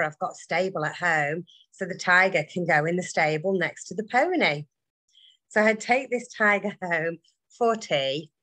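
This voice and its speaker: A middle-aged woman with a somewhat low voice tells a rambling childhood story as an impromptu club speech. She is chatty and laughs as she goes. Her voice comes over a video call. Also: a bit bright.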